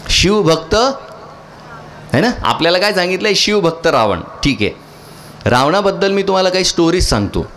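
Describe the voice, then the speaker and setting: A man's voice: high voice, very animated, normal speed, a bit bright, slight background noise. A man speaking to a live audience, often asking a question and answering it himself. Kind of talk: lecture to an audience.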